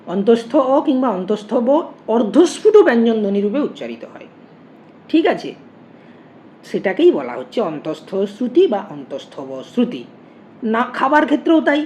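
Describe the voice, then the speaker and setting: A woman's voice: fairly high pitch, darkish tone. A woman teacher explaining grammar step by step, asking questions and answering them herself. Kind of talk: online grammar lesson. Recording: muffled lo-fi recording with faint noise.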